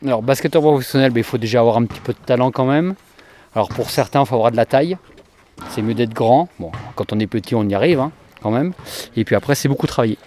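A man in his forties, a basketball coach, giving measured, explanatory answers in an interview. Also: mid-range voice, a little mellow, a little hiss or hum.

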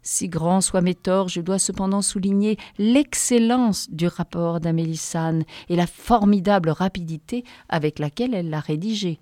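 Lady doing a shy ashamed office guy, soft pleading voice, lowish, dry. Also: normal speed, few pauses, dry recording, close to an everyday voice. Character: humble, ashamed male office colleague.

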